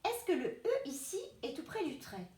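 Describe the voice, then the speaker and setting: A woman's voice: high-pitched, huge pitch swings, normal speed, darkish tone, roomy sound. A woman teacher giving a spelling lesson to children, patiently sounding out words syllable by syllable. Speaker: primary school teacher.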